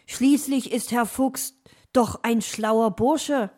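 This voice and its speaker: Timid lovesick young fellow, read by a woman: slow, hesitant, soft-spoken storybook suitor. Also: a little high, pitched above the performer's own voice.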